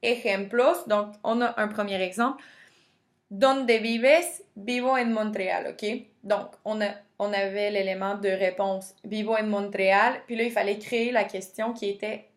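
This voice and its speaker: A woman's voice: mid-range voice, fairly even intonation, normal speed. A woman with a Québécois French accent teaching a Spanish lesson, patiently explaining each point and repeating it in two languages. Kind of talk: bilingual classroom lesson.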